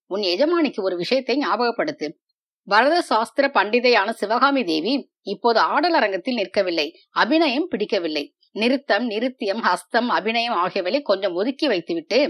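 A woman's voice: medium pitch, expressive, moderate pace, a bit bright. A woman reading as a proud young prince. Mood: mocking. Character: proud young male prince, teasing then tender.

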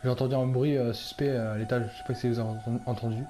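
A man's voice: mid-range voice, flat delivery, quick pace, over music. A man giving casual gameplay commentary, nervous and jumpy, swearing under his breath. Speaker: gamer and video host.

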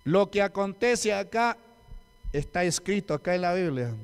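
With a high, clear and resonant voice, a deacon from Peru preaches emphatically in a church hall. He keeps hitting the congregation with rhetorical questions, and long reverb fills the room.

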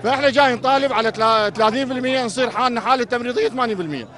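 A man's voice: very high-pitched, very fast, a bit bright, a faint crowd. A man with an Iraqi accent speaking outdoors at a street protest, voicing an aggrieved complaint as a hospital administrative worker. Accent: Iraqi Arabic.

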